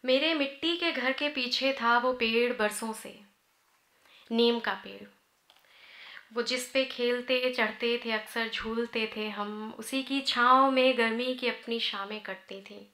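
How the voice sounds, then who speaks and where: A poet with a bright voice, pitched on the high side, recites narrative free verse live from a podium on an indoor auditorium stage. Her tone stays steady and her pace measured. A close gooseneck mic feeds the PA, so the sound comes through roomy.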